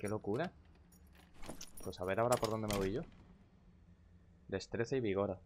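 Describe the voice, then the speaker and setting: A young man gives casual live-stream commentary on his game from a home computer, talking at normal speed in a voice that sits low. He's chatty and profane, muttering to himself and welcoming chat viewers. There's faint background noise, and his keyboard clicks are audible.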